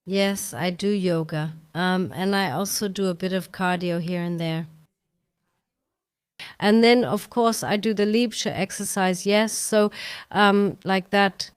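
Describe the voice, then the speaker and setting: A woman in her fifties speaks as an interview guest, reflective and unhurried, often pausing on ums and restarting her thoughts. Her voice is strikingly clear, and it is recorded dry and close. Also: medium pitch, steady tone, no echo. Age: 50s. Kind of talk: conversational interview.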